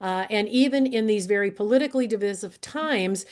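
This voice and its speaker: A woman in her sixties giving an earnest presentation talk, hoarse and losing her voice, and often clearing her throat. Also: mid-range voice, brisk, a little mellow. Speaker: guest speaker, healthcare advocate.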